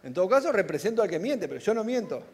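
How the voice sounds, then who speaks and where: Lively Argentine pastor preaching. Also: male voice, sits high, fast, a crowd in the background, background noise. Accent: Argentine Rioplatense Spanish. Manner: animated, humorous, acts out little dialogues. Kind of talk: sermon.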